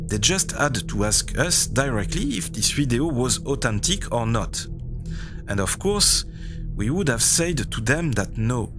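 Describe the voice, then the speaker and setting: A man with a clear French accent, native in French, narrates a scripted rebuttal. His voice sits at a middle pitch and his delivery is critical and sardonic. Music plays clearly underneath. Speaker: host of a UFO video channel. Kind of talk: scripted commentary rebutting a TV show. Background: background music.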